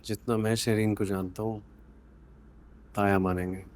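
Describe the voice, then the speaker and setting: A humble, responsible young man in a TV drama, played by a man, with a Pakistani accent. His voice is fairly low. He speaks with restraint but holds firm. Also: flat delivery, a little slow, darkish tone, a little hiss or hum, close to an everyday voice. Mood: restrained, firm.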